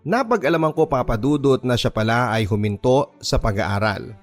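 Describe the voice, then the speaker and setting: For a radio drama, a Filipino-accented man reads a first-person story as dramatic scripted narration, with background music playing beneath his voice. His mid-range voice is expressive and moves at a normal speed.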